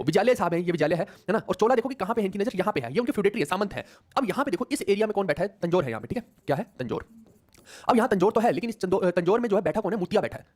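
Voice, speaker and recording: A male history teacher giving an online exam-prep class in Hindi mixed with English, teasing students and often asking "है ना?" to check in. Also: high-pitched. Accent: Hindi with English words mixed in. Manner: rapid, teasing, repeatedly checks in with "है ना?"; jokes with students mid-lesson.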